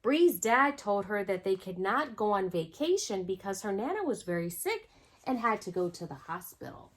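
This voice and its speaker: Reading a picture book aloud for children's storytime, a woman speaks expressively and turns aside to address her young viewers directly. Her mid-range voice is very animated, at a normal speed.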